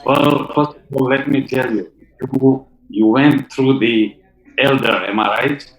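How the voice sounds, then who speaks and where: A man's voice: medium pitch, measured pace. An older man as an interview guest, teasing the interviewer in a playful way. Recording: echoey room.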